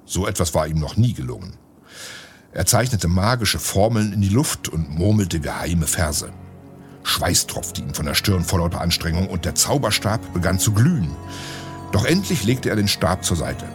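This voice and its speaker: A man reading a storybook aloud in an expressive way. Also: low-pitched, normal speed, soft background music. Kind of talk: storybook narration.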